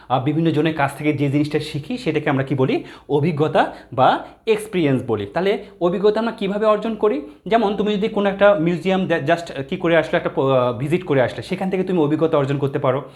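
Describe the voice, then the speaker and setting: Male English tutor, somewhat high voice, quizzes and answers himself. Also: a little mellow. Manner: explains in Bengali, reads English phrases slowly word by word; asks questions and answers them himself. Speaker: English teacher. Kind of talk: exam-prep lesson.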